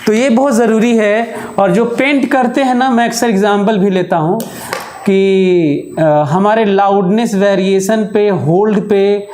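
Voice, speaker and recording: Male physics teacher, slow and measured, pausing to stress points, lecture in a reverberant classroom. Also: sits high, steady tone, darkish tone, a little hiss or hum. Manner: slow and deliberate, with held pauses. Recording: echoey room.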